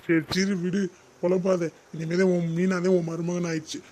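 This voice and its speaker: A man voicing a calm middle-aged father in a cartoon family drama, soothing and dismissing the quarrels. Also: high voice, normal speed, slight background noise, lightly acted. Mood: placating.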